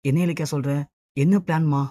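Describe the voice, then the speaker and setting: An anxious older mother-in-law asks pleading questions, as the narrator reads her part. The voice is mellow and warm. The sound is dry. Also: medium pitch, steady tone, a little fast, dry recording, natural voice. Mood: distressed.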